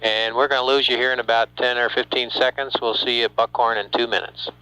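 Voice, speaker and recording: A man working as mission control communicator, speaking in crisp, brief radio-check phrases over a two-way space radio link. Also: medium pitch, little pitch movement, fast. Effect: two-way radio transmission. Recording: muffled radio link with faint hum, beeps.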